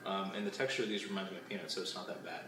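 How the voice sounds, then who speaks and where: Young guy chatting loose with lots of ums and laughs, lowish voice, mic kinda far, echoey noisy room. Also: racing. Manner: laughs often, rambling with fillers. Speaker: host of a food taste-test show. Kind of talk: casual chat.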